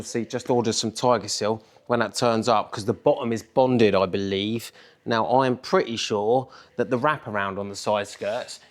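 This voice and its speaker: A man with a fairly low voice talks through his own car build in a workshop. He rambles in a frank, casual vlog style and swears when things go wrong.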